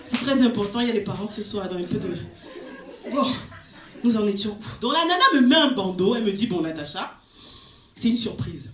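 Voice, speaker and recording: A woman performing a stand-up comedy set on a club stage, telling her story with big animated swings and shrieks at the punchlines. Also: mid-range voice, a little fast. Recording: echoey club with audience noise. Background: audience laughter.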